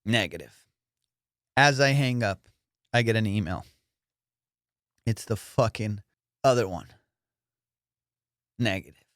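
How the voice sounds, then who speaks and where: A young adult comedian and podcast host tells boastful, profane stories in a casual monologue, breaking into excited bursts. His voice is fairly low, slow-paced and full of pauses, recorded at studio quality with no room sound.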